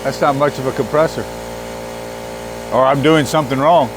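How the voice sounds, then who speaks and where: A man's voice: mid-range voice, steady tone, moderate pace, background noise. A man chatting casually outdoors in a dry, matter-of-fact way. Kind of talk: casual chat. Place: outdoors at RV campground. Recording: background music.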